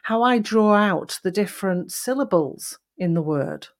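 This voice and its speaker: A woman hosting a voice-coaching podcast, speaking deliberately and demonstrating emphasis and changes of pace. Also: mid-range voice, expressive. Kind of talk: instructional podcast talk.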